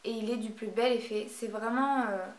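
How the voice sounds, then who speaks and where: A woman's voice: fairly high pitch, steady tone, moderate pace. A woman reviewing beauty products in a casual vlog, talking hesitantly with many filler sounds. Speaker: beauty vlogger. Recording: echoey room, voice from a distance.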